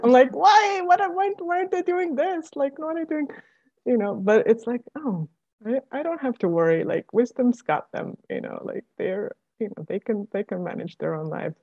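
A woman in her forties from Estonia talks reflectively in a casual conversation, hesitating a lot and filling her speech with fillers and restarts. Her voice is fairly high, animated, gravelly, and a little mellow at a moderate pace, though the recording sounds dull and lo-fi.

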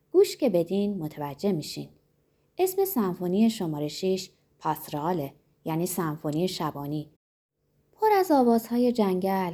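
A woman narrating a novel in a gentle, reflective storytelling manner, giving the characters' dialogue her own voice. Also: medium pitch.

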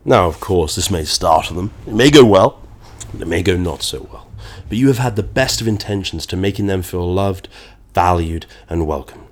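Deep-voiced man with nasal tones. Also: normal speed. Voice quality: nasal, congested. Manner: dramatic, wordy storytelling. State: getting over a cold. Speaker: podcast host. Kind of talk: conversational solo podcast monologue.

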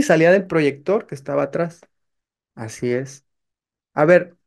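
A man with a Mexican accent teaching a spiritual lesson through a lively story, acting out the different voices. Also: mid-range voice. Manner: animated, acts out several voices. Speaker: meditation course teacher.

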